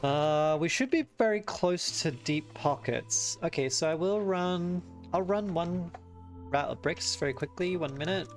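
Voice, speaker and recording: Male streamer, australian accent, gravelly voice, mutters through plans over background music. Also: on the high side, unhurried. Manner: thinking aloud, self-correcting. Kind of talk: casual gameplay commentary. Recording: music playing under voice.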